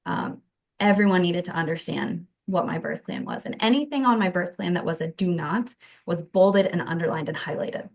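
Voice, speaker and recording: A woman's voice: lowish voice, lively intonation, normal speed, gravelly. A woman in her thirties earnestly telling her own birth story as a podcast guest, in detail. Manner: earnest and detailed, with some restarts. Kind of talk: conversational storytelling.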